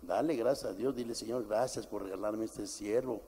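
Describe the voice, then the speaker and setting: A middle-aged man preaching a sermon as pastor, forceful and emphatic, swinging from shouts to low asides. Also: normal speed, slight background noise. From Mexico. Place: church. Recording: church hall with long reverb.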